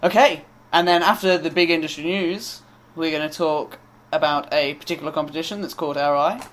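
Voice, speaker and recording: A young man in his twenties co-hosting a podcast, chatty and quick to laugh, with a few ums along the way. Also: fairly high pitch, a bit bright, slight background noise. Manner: chatty, laughs often, hesitant with fillers. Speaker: podcast co-host. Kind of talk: casual chat.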